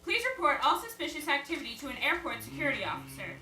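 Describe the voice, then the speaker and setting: A woman plays a calm, formal airport announcer heard over the intercom. Her high voice rises and falls with each announcement. It sounds echoey and distant, as if it comes through a loudspeaker. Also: fast talker. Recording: echoey, from far off.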